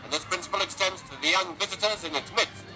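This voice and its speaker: A man narrating a 1940s newsreel in a formal, measured announcer style, heard as old archive film sound. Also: sits high, low-quality recording. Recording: old newsreel with music underneath.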